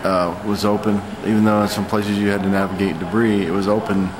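A man in his forties giving an unscripted, matter-of-fact eyewitness vlog report, speaking haltingly. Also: lowish voice, flat delivery, noisy background. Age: 40s. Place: hotel lobby, indoors.

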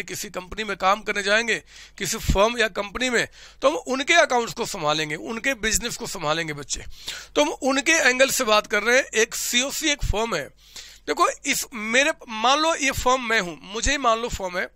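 A man's voice: sits high, expressive, normal speed, sharp tone, dry recording. A male accountancy teacher giving a classroom lecture, telling a story and often repeating phrases while calling his students children.

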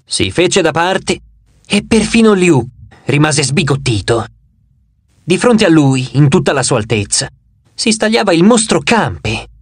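A man reading an audiobook in expressive scripted narration into a close studio mic. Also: high voice, dry recording.

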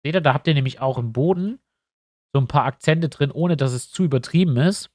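A man with a stuffy nose, a YouTuber putting together a tabletop map, talks casually to his audience while reasoning out loud in a screen-recorded tutorial. His voice sits a little high, runs a little fast, and has a slightly mellow quality. There's no echo, and the audio is clean, studio-grade.

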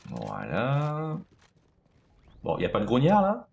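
Gravelly-voiced man narrating his gameplay. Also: medium pitch, huge pitch swings, slow pace, a little mellow, highs cut off, a little hiss or hum. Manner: chatty, talks to himself and the game enemies. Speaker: let's play commentator. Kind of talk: casual gameplay commentary.

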